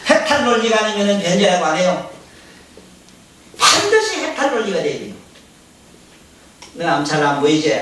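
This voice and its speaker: A high-pitched man with a delivers a Buddhist dharma talk, firing rhetorical questions at his listeners. He is recorded from far off in a very echoey hall, with faint hiss underneath. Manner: animated, rhetorical questions, addresses listeners directly. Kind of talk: Buddhist sermon lecture.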